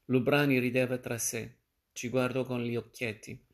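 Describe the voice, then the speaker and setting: Gravelly, flat-voiced man reading a novel. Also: medium pitch, moderate pace. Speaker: narrator. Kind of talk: literary audiobook reading.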